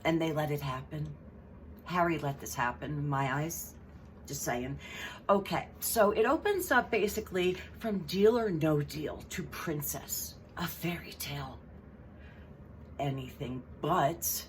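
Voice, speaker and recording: A woman's voice: deep voice, lively intonation, measured pace, slight background noise. A woman giving a sarcastic, exasperated commentary, mocking and ranting as she goes. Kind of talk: casual commentary vlog.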